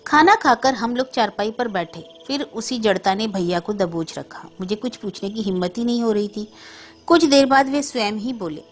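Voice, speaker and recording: A woman storyteller narrating a story in a slow, somber reading manner. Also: a little high, expressive. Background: faint music.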